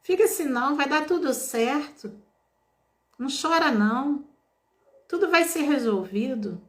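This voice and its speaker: A woman voicing a kindly elderly woman who gently comforts a crying stranger, in a soft, motherly way. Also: high voice, lively intonation, a little slow. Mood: comforting. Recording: roomy echoey room.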